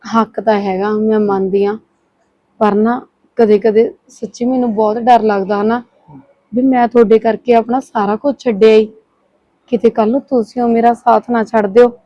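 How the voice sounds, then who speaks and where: A woman's voice: a little high, flat delivery, normal speed, no room sound, lo-fi sound, close to an everyday voice. A woman playing an anxious young bride. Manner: soft, pleading and worried. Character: young new bride, anxious and put-upon. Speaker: actor. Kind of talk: village short-film acting.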